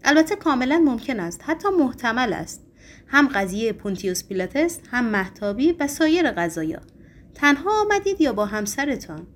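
A woman's voice: on the high side, big pitch swings, a little hiss or hum. A woman doing a jittery male editor, placating. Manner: placating, stammering. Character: nervous male editor humoring a madman.

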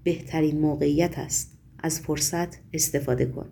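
Curt, gruff male demon henchman read by a woman narrator, audiobook, low and clipped. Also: animated, darkish tone, natural voice. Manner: curt and impatient. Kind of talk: audiobook reading.

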